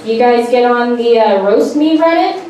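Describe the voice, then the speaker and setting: Woman stand-up comic, deadpan delivery, crowd work, recorded from far off in an echoey club. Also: a little high, moderate pace. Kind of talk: stand-up set. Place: small club stage. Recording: echoey room from far off with noise. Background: audience laughter.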